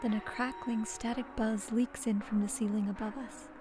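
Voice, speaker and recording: A woman doing a game playthrough, reading dialogue aloud and reacting in a playful, expressive way. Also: fairly high pitch, normal speed. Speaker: let's player.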